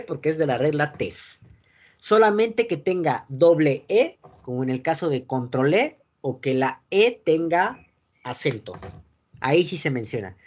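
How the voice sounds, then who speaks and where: Mexican male teacher, dull recording. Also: on the high side. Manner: keeps checking the class follows, asking "sale?"; frequent filler "este" and restarts. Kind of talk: classroom lecture. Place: classroom with a board.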